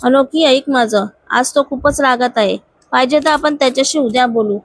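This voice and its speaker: A woman voicing a calm male colleague who gently tries to talk someone out of something. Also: sits high, normal speed, no room sound. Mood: cautioning. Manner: gently persuading.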